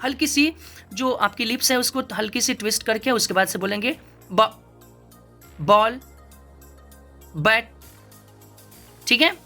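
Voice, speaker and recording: A woman's voice: fairly high pitch, lively intonation, fairly quick, gravelly, pushed and bright, faint music behind. A woman teaching English phonics, explaining patiently and repeating each sound several times. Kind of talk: spoken phonics lesson.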